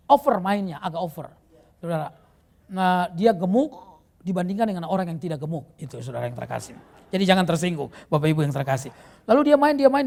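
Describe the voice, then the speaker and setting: A male pastor preaching an animated sermon in a church, breaking into bursts of shouting. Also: extremely high pitch.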